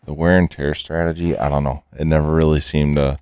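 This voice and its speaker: A man's voice: rumbling low, brisk, clean tone, no room sound, soft background music. A middle-aged man who is losing his voice, casually talking through a football video game with many fillers. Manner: relaxed, rambling, with many fillers. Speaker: gaming channel host. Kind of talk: casual gameplay commentary.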